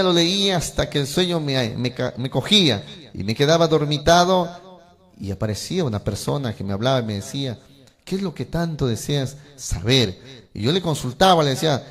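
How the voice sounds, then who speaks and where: A man, a pastor, telling his own story in a sermon and speaking earnestly to fellow pastors. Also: mid-range voice. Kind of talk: sermon testimony.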